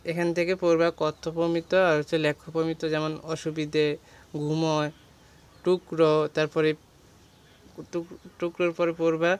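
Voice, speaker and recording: Young male tutor, fairly high, smooth, even voice, working through a textbook for exam prep. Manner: walks page by page through a textbook, listing words and meanings. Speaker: teacher. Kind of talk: exam guidance lesson.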